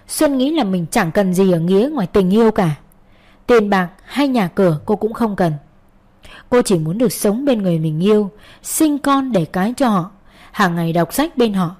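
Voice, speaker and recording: A woman reading a romance story aloud in a steady, even narrating voice. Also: mid-range voice. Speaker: audiobook narrator.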